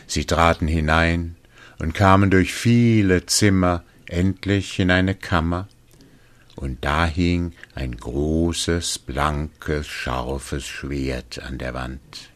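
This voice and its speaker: A man reading a fairy tale aloud in a deliberate, expressive storytelling manner. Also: low-pitched.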